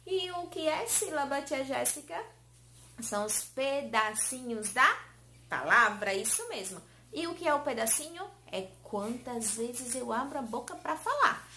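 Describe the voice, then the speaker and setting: A woman teacher giving a lesson to small children, in a sing-song way, stretching key words slowly and coaxing answers with questions. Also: high-pitched, lively intonation, bright, forceful tone, slight background noise. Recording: roomy echo.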